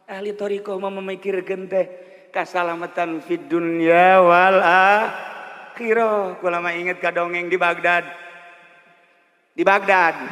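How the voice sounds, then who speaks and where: A male preacher with a Sundanese accent telling a story in a lively, joking sermon. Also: fairly high pitch. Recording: long hall reverb.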